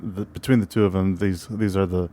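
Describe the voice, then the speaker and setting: A man co-hosting a casual movie podcast. He reads film credits haltingly, with many fillers and restarts. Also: low-pitched, steady tone, warm tone. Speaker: podcast co-host.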